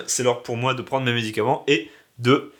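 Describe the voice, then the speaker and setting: Man, casual game-dev vlogger, sick and coughing, slangy and self-mocking, rambles on, mid-pitched voice. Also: normal speed, pushed and bright, a little hiss or hum. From Alsace, France. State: sick with a sore throat, coughing. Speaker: hobby game developer vlogger. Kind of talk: casual vlog chat.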